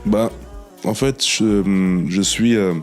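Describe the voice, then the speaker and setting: A former professional footballer chatting as a guest, telling animated anecdotes and repeating himself often. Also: male voice, on the low side, slow, soft background music. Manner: animated anecdotes with many repetitions and "tu vois". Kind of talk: casual storytelling interview.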